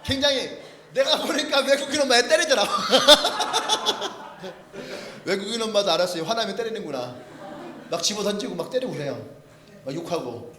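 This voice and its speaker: High-voiced male pastor in an echoey church. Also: animated, moderate pace, a crowd in the background. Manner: storytelling, acting out quoted voices. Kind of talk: sermon. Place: church sanctuary.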